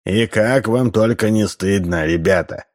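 A man voicing a sharp-tongued elderly publisher who scolds two brawlers. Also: fairly low pitch, measured pace. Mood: scolding.

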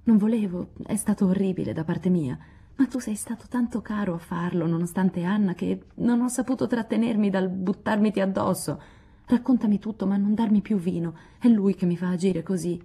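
A woman reads the part of a spirited teenage girl in an audiobook, her voice lifted higher and brighter than the narration. She sounds breathless and heartfelt, with a soft huskiness under the words. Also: fairly quick, slightly rough. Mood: overjoyed, flustered. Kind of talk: audiobook character reading.

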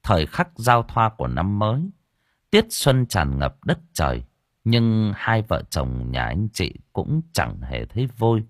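A man narrating a story slowly and dramatically, letting his voice swell at tense moments. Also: lowish voice, very animated, dry recording, clean studio sound. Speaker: audiobook narrator. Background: faint background music.

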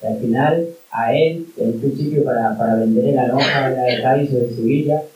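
A little fast and darkish in tone, this mid-range male voice belongs to a Colombian migrant activist arguing passionately on a panel at a public talk. He keeps reaching for fillers such as "o sea" and "en plan." The mic sits far away in a large hall, and a faint hiss runs underneath.

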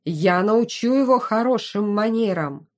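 A woman's voice: mid-range voice, lively intonation, a little slow, close to an everyday voice. A woman voicing a young male fire mage, angry and protective, with a growling, snapping delivery. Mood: furious, growling.

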